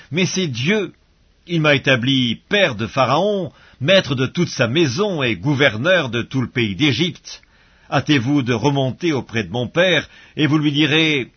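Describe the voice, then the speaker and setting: Earnest forgiving ruler guy, read by a man, husky, bit lifted voice. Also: mid-range voice, dull audio. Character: grown man, powerful ruler, moved and forgiving. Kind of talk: bible reading.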